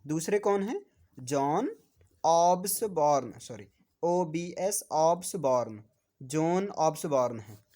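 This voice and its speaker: A man with a Hindi accent lectures a class in a fairly high, mellow voice, speaking slowly with lively intonation. He keeps asking "है ना?" and spells out words for his students, as a teacher would.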